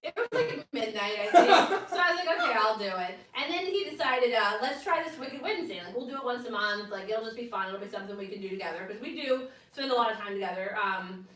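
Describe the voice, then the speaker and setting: A giggly woman tells lively stories as an interview guest. Her voice is bright and a touch high. She sits back from the mic in a very echoey room. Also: fast, hardly any pauses, far from the mic. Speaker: guest, channel co-host. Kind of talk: casual interview storytelling. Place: hotel room at a theme-park resort.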